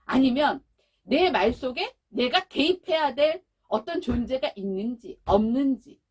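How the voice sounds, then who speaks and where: A woman with a high, lively voice gives a lecture and swings her pitch widely as she tells stories. She is middle-aged and brings anecdotes to life by acting out the voices in them, a parent educator speaking to an audience. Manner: animated storytelling, acting out quoted voices.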